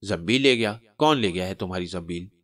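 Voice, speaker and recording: A man's voice: low voice, lively intonation, fairly quick, fairly bright tone, dry recording, studio quality. A man voicing a noblewoman wife who mocks and scolds. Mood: teasing. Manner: mocking, scolding. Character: teasing then stern noblewoman wife.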